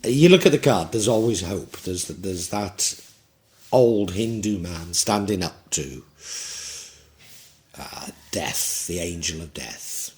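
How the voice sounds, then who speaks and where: A man's voice: low-pitched, expressive, slow, darkish tone. A man in his sixties giving a tarot reading in a reflective, rambling way with frequent restarts. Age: 60s. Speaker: tarot reader.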